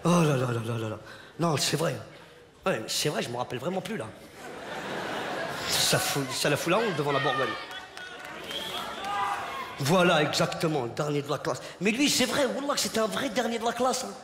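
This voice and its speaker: A male stand-up comedian in his thirties, telling stories on stage with lively, animated delivery and sudden shouted bits. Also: fairly high pitch, moderate pace, pauses often, slight background noise. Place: large concert hall. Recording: echoey hall recording with loud crowd. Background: audience laughing.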